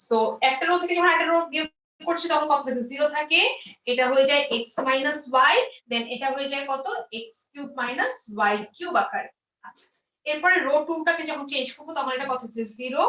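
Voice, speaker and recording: A woman's voice: high voice, bright, forceful tone, recorded from a distance. A woman teaching math step by step, asking questions and then answering them herself. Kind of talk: explaining a math lesson step by step. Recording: roomy echo, voice off-mic.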